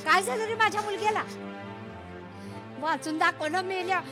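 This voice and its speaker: A woman's voice: extremely high pitch, moderate pace, music in the background. An actress playing a worried older village woman, pleading, wailing and scolding. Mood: frantic. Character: frantic old village grandmother, worried mother.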